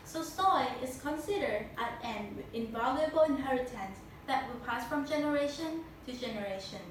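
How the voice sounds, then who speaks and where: A woman's voice: high voice, lively intonation, moderate pace. Echoey, stiffly recited young Thai-accented woman. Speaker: speech contestant. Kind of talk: memorized competition speech. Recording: very echoey room, distant mic, noisy.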